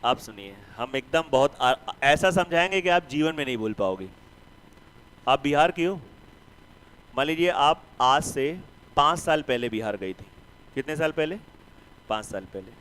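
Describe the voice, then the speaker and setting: Male math teacher in a classroom, fairly high voice, smooth and resonant, teasing and scolding, lots of rhetorical questions. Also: fairly bright tone, poor audio. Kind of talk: classroom lecture.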